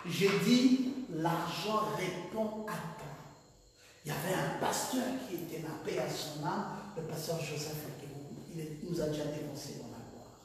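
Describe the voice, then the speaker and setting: A man preaching a sermon, telling a story with emphatic, animated delivery. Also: high-pitched, a little hiss or hum. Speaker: pastor. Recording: echoey hall from far off.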